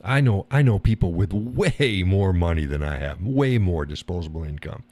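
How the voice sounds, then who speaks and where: On his laid-back live stream, a man talks at a moderate pace with lively intonation and a darkish tone. He's blunt and rambling, laughs and swears often, and mimics others in a higher voice.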